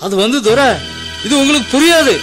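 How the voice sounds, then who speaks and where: A man's voice: very high voice, animated, a little fast. A man playing an anxious servant who pleads with his master nervously. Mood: explaining. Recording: background music.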